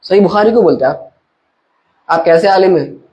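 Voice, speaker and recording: A man's voice: high voice, normal speed, warm tone, dull audio. A man giving a conversational religious lesson, explaining with everyday examples and checking that his listeners follow. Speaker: religious teacher.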